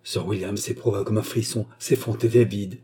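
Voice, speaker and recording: A man narrating a classic novel as an audiobook, in a measured, even storytelling manner. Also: on the low side, slight background noise.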